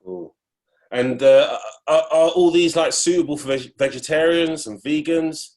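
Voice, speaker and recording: A man's voice: fairly high pitch, unhurried, darkish tone. A man hosting a casual interview, a fighter and coach, talking in a laid-back, hesitant way. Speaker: podcast host and fight coach.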